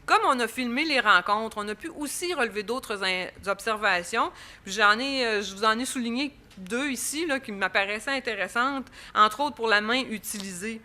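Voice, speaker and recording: A woman's voice: fairly high pitch, normal speed, pushed and bright. A woman with a Quebec French accent presenting research at an academic conference, explaining step by step with frequent fillers and restarts.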